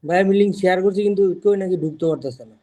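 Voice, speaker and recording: A man who assists the class, quickly and politely telling the teacher about a problem. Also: high-pitched, warm tone. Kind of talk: casual chat.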